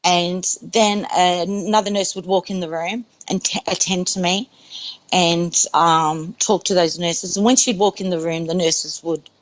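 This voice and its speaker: Earnest woman with a lowish voice. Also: fairly even intonation, a little slow, rough recording. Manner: earnest, emphatic, repeats herself. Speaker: interviewee recounting a near-death experience. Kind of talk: personal testimony in an interview.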